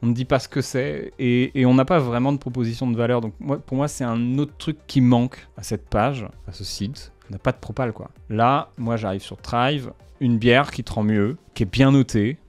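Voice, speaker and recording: A man's voice: medium pitch, fairly even intonation, moderate pace, few pauses, a little mellow, dry recording, faint music behind. Slangy French commentary guy. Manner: slangy, punchy asides. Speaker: YouTuber analysing brand marketing. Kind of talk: casual commentary.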